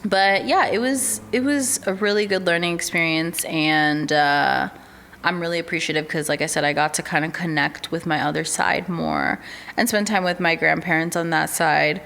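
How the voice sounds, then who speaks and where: Her voice sits low and creaky, moving at a normal speed. This young woman from the US is an artist manager appearing as a podcast guest, easygoing and talkative, sprinkling in plenty of "um"s and "like"s as the interview chat rolls along.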